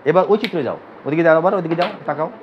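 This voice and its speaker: In this dull, lo-fi recording, a Bangladeshi physiotherapy teacher runs through an anatomy lesson at a racing clip, quizzing students by making them repeat terms. His pitch leans high, and there's a faint hiss or hum.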